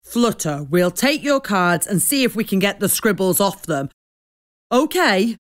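A woman's voice: mid-range voice, big pitch swings, measured pace. A woman voicing a mischievous young male stag beetle who pleads for help in a storybook reading. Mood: sorry.

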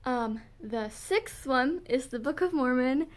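A young woman chatting casually in a vlog, giggling often and filling pauses with "um", and she says she is losing her voice. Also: high-pitched, animated. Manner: giggly, filler-heavy, gushing. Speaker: vlogger. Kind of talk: casual chat.

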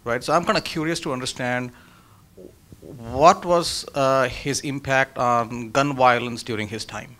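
A man's voice: mid-range voice, measured pace, a bit bright. A man, a technology analyst, politely asks the panel a question from the audience.

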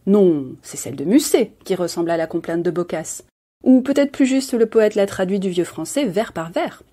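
A woman's voice: mid-range voice, animated, normal speed, mellow, natural voice. A woman doing a cultured young lady. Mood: assured.

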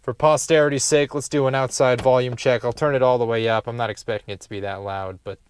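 A fast-talking man with a steady, medium-pitched voice narrates his car installation for a vlog, moving around a car parked in a driveway. His tone is clear and resonant, and his humour is dry and sarcastic, with the odd swear word thrown in.

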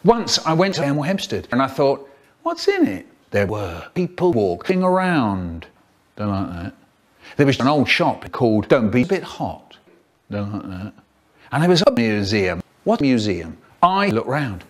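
A man telling a story, his words spliced together from separate clips, so the pitch and loudness jump from word to word. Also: wildly swooping pitch, measured pace. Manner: jumpy pitch and loudness from word to word, chopped delivery. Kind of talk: edited comic storytelling.

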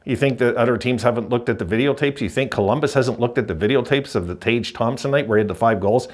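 A middle-aged man who hosts a hockey fan channel delivers a frustrated, emphatic postgame rant straight to camera, driving his points home by repeating them. He speaks quickly at a medium pitch, indoors against a green-screen backdrop.

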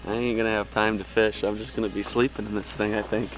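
A man's voice: lowish voice, little pitch movement, fast. A young man talking upbeat and friendly to the camera from a campsite and a small tent, recorded on a camera mic. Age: young adult. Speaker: camping vlogger. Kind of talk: casual vlog to camera. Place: truck bed tent and campsite outdoors.

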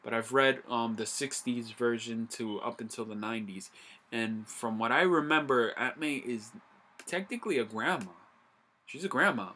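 A young man talks through a film in a loose, excited video review. His voice is bright and forceful, and he rambles, restarts his sentences and swears casually along the way. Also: mid-range voice, normal speed. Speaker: movie reviewer.

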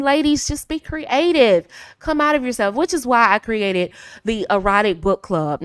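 A woman from the United States giving casual, direct advice to women, often calling them ladies and swinging her pitch to demonstrate. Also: clean tone, dry recording. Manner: chatty, direct, frequently addresses listeners as ladies. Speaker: femininity coach.

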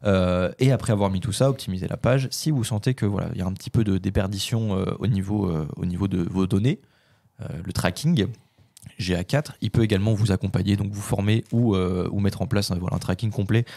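Male podcast co-host, deep dark voice with gravel, rambling filler-heavy chat, dry close sound. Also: fairly quick, dry recording. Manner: rambling, many filler words.

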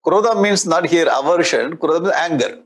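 An older man in his sixties with a South Indian accent teaches scripture in a conversational lecture style. His voice sits a little high and has a husky grain. He often repeats key phrases as he explains. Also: moderate pace. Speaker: spiritual teacher. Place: indoor studio in front of a display board. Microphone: lapel mic.

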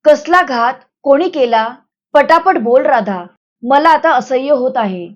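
A woman's voice: high-pitched, animated, measured pace. A firm, protective village man, as a woman reads him. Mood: impatient. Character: strong-willed grown village man, bold and protective.

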